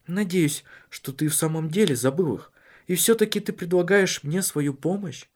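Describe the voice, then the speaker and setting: A man's voice: a little high, moderate pace, a little mellow, voice pushed up, close to an everyday voice. Man doing a hurt, pleading young wife.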